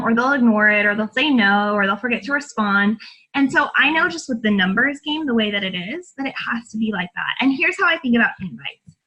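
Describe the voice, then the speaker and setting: A bright, slightly husky woman in her thirties talking like a fitness coach on a casual call. She is chatty and encouraging, with a fairly high voice and lots of fillers. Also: poor audio.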